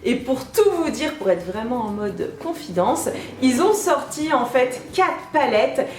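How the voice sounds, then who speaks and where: A young woman chatting excitedly to camera as a beauty vlogger, sitting at her makeup table indoors. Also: high voice, unhurried, slight background noise. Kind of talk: casual beauty vlog. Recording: echoey room.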